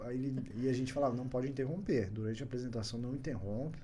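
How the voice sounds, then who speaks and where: A man tells stories as a podcast guest in a lively, chatty way. His voice sits in the middle range. A faint hiss lies under the recording. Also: mid-range voice, very fast. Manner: animated anecdote-telling, chuckles often. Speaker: guest entrepreneur. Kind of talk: casual podcast storytelling.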